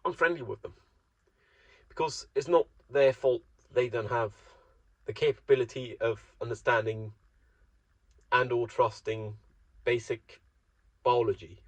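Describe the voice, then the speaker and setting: A man's voice: medium pitch, steady tone, a little slow, pauses often, no echo. A man from Germany talking to himself in a rambling, wry, self-mocking solo monologue. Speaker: solo vlogger. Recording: dull, dry close recording.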